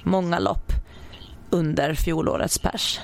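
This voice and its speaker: A young woman, a sprinter, chatting casually and telling stories in an animated way, acting out her own reactions. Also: lowish voice, gravelly. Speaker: podcast guest, sprinter. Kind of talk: casual chat.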